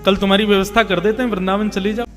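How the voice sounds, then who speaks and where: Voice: medium pitch, little pitch movement, rapid-fire, fairly bright tone, in a large hall, soft background music, lightly acted. A storyteller voicing a husband who answers his wife firmly and reluctantly. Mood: agreeable. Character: worried husband, protective.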